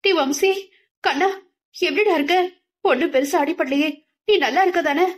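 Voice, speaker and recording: A woman voicing an older mother who is crying and panicked, talking in a high, breathless rush. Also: normal speed, close to an everyday voice. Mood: tearful, panicked.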